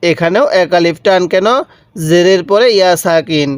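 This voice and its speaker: A man's voice: high voice, smooth, no echo. A man teaching Quran letter reading step by step, patiently repeating and drawing out each syllable. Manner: patient, repetitive, drawn-out syllables. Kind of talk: step-by-step recitation lesson.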